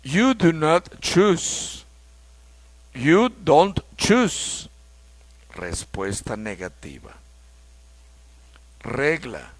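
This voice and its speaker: A man from Mexico teaching an English grammar lesson, explaining slowly and repeating key points. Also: a little high, no echo.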